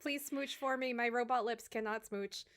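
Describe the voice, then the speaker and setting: A woman's voice: on the high side, fairly even intonation, moderate pace, fairly bright tone, lightly acted. A woman on a podcast putting on a playful robot voice, beeping as a female robot. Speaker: podcast co-host.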